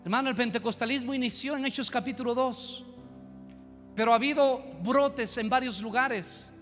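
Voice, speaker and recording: Male pastor, high bright voice, fervent sermon in a reverberant church hall with soft music. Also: normal speed. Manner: storytelling, rising to fervent preaching.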